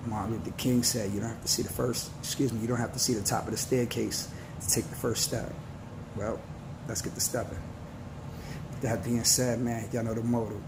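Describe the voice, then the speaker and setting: A man's voice: medium pitch, little pitch movement, vocal fry, noisy background. A man in his forties giving an earnest, slangy motivational talk to his viewers. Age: 40s. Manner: earnest, preachy, slangy and slow. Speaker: vlogger.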